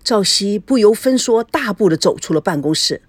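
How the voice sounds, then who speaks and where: A woman narrating an audio novel in an expressive, dramatic storybook style. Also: medium pitch, moderate pace, slightly rough, no echo.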